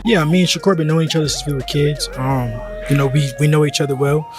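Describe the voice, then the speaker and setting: A man with a slightly high voice answers an interview question in a relaxed, halting way. Clear music plays under him.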